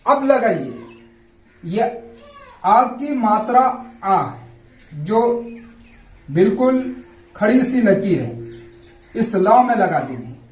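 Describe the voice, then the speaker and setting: A man's voice: high voice, big pitch swings, takes it slowly, pauses often, roomy sound. A man teaching a lesson, patiently repeating and spelling out sounds. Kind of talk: slow explanatory lesson.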